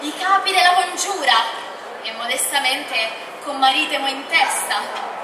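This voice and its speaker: A woman's voice: high-pitched, measured pace. A young woman playing a rebel leader's gossipy, self-important wife on an outdoor stage. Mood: boastful, insistent. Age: young adult. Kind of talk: dialect stage comedy. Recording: distant echoey noisy camera audio.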